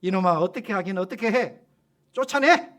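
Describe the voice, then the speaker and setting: A man doing a stern, gruff voice of God. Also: high-pitched, expressive, moderate pace, fairly bright tone. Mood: scolding. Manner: gruff scolding commands. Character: stern divine voice scolding a timid pastor.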